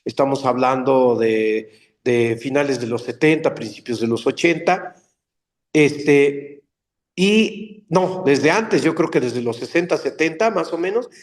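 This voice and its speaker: An older man, a dubbing actor telling stories in a casual interview, animated and slipping into character voices. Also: mid-range voice, measured pace. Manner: animated, slips into character voices mid-story. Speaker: voice actor and dubbing director guest.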